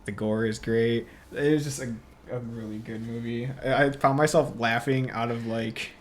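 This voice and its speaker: A man co-hosting a podcast, chatting casually about movies, relaxed and quick to laugh. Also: medium pitch. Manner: relaxed, laughs often, lots of fillers. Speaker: podcast co-host. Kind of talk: casual movie review chat.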